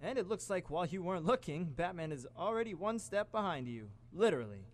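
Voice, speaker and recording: A man's voice: sits high, sing-song, fast talker, big-room sound. A man playing a cocky, wisecracking young superhero in an amateur radio play, chatty and sarcastic. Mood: cocky, teasing.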